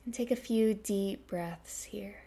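Slow, breathy woman in a soft whisper. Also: medium pitch. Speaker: meditation instructor. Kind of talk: guided meditation.

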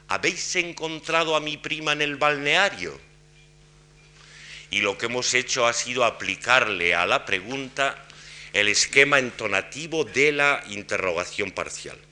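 A man giving an academic lecture on grammar and intonation, explaining in a measured way with frequent pauses. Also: on the low side, bright, forceful tone. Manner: demonstrates intonation patterns by voicing example questions.

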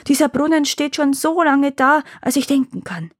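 A woman's voice: high voice, expressive, moderate pace, no room sound, studio quality, voice pushed up. Woman reading a timid, fretful dragon son. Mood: worried. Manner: worried, anxious pleading. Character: strong but timid dragon son, easily scared.

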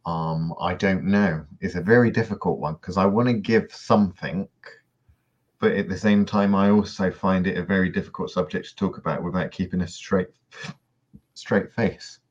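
Dry, sardonic deep-voiced man. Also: fairly even intonation, normal speed, lo-fi sound. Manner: dry, sardonic, trailing off quietly at line ends. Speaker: podcast co-host. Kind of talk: casual podcast discussion.

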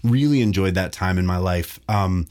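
A man in his forties, a bass player chatting casually in an interview, animated and enthusiastic. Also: normal speed. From Minneapolis. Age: 40s. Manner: animated, enthusiastic, laughs often.

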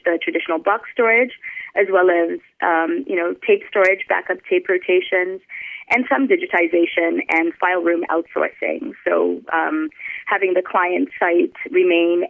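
A woman from Kenya, a company founder, being interviewed over the phone and talking in a measured way with frequent ums. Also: on the low side, gravelly, no room sound. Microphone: phone line. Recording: tinny dry phone line.

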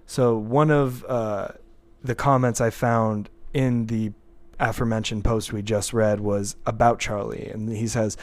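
Guy hosting a podcast, talks fast and animated, reads out comments. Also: on the low side. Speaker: podcast host. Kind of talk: casual podcast chat.

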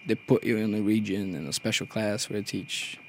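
A Brazilian man in his twenties chats casually as a podcast guest in a radio studio, his lowish voice steady and fairly quick, with a little hiss or hum. He's easygoing, laughs often, and fills his talk with asides and fillers like "you know."

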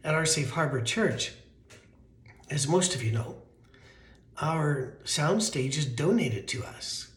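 American male pastor, thin weak voice a bit high, conversational storytelling sermon, roomy echo. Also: expressive, slow pace, pauses often. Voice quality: thin, weakened voice. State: voice weak from allergies. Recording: roomy, echoing sound.

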